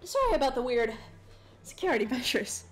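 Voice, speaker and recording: A woman's voice: high voice, big pitch swings, a little fast. A woman voicing a friendly, flustered young inventor while reading game dialogue aloud, in an apologetic, upbeat and chatty manner.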